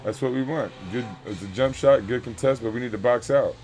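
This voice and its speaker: A man's voice: medium pitch, fairly quick, darkish tone, soft background music. Guy coaching kids' basketball over game tape, blunt, keeps repeating the main points. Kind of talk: game film breakdown for players.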